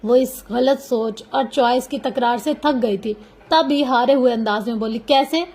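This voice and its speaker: High-voiced woman reading a novel. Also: unhurried, darkish tone. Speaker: novel narrator.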